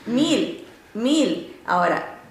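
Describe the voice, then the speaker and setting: A woman teaching a Bible lesson through stories, animated and often pausing on "este" and restarts. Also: creaky, roomy sound. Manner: animated storytelling, often rising in pitch to act out quotes; frequent filler "este" and restarts.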